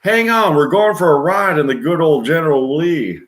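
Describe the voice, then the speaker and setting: A man voicing an excited young country man with a Southern accent, hollering eagerly from behind the wheel. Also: fairly high pitch, moderate pace, pitched above the performer's own voice, natural voice. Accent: American Southern. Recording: roomy echo.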